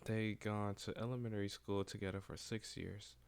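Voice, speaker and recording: Low-voiced man reading a game on stream. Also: level tone, normal speed, clean tone. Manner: casual, plain narration with asides. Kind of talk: reading a visual novel aloud on stream.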